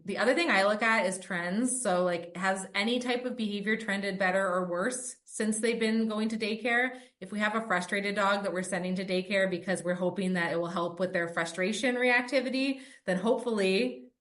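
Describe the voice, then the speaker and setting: This podcast host, who also trains dogs, has a mid-range, slightly bright voice and a moderate pace. Her tone is conversational, and she works through her points with lots of "um" and "like."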